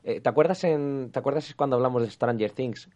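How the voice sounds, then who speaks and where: A man's voice: medium pitch, fairly quick, darkish tone. A man chatting casually as a podcast co-host, blunt and swearing freely. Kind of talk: casual chat reviewing a TV series. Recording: dull lo-fi sound.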